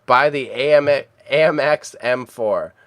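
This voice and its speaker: A Canadian man in his thirties livestreams from a room in his house, mumbling to himself while he edits photos before chatting easily with his viewers. His voice sits at a medium pitch and moves at an unhurried pace, and the recording is dry.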